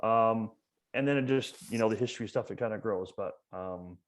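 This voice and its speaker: Speaking at a moderate pace in a lowish voice, a Maine museum educator chats as a podcast guest in a casual interview. His delivery is emphatic and passionate, with frequent repeated words as each point builds.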